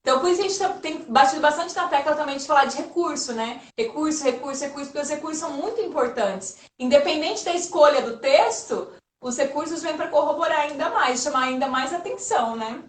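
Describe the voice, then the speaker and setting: A woman's voice: sits high, expressive, a little fast. A woman speaking as a guest on a casual live chat, explaining points and often checking in with a tag question. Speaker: guest storyteller. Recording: roomy and distant from the mic.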